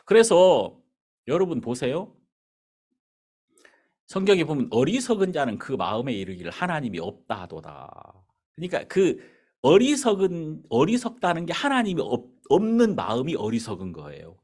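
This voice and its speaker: Lively storytelling male pastor. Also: fairly high pitch, moderate pace. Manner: animated storyteller acting out dialogue. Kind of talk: sermon with storytelling. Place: church sanctuary.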